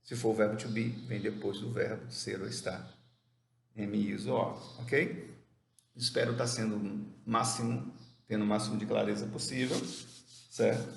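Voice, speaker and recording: A male teacher walks through a grammar lesson, raising questions and answering them himself. His voice has a gravelly edge, and the room gives it a noticeable echo. A faint noise hums underneath. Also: lowish voice, level tone. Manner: explains step by step, asks and answers his own questions; reads English examples slowly and carefully. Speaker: English teacher.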